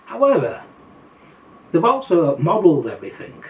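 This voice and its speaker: A man's voice: on the high side, huge pitch swings, normal speed. An older man with a Yorkshire accent talking casually to his viewers in a wry, skeptical way. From Yorkshire, England. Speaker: political commentary vlogger. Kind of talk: casual monologue to camera. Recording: slightly distant mic, faint background noise.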